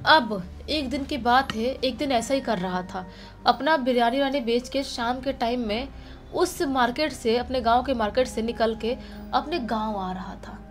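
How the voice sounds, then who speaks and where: A woman's voice: a little high, moderate pace, faint music behind. A woman casually telling a village story aloud, chatty and repeating phrases for effect.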